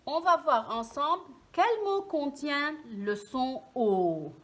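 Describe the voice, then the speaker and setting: A woman teacher gives a reading lesson to young children. She speaks very slowly and stresses each sound with care. Her voice sits fairly high and rises and falls a great deal. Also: expressive, fairly bright tone. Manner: slow, clearly articulated, stressing each sound.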